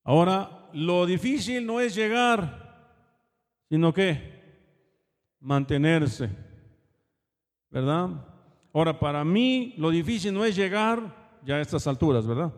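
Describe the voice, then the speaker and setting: Male preacher, slightly high voice, colloquial sermon, long hall reverb. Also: animated, slow, long pauses. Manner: colloquial, asks the congregation "¿verdad?" often. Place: church hall.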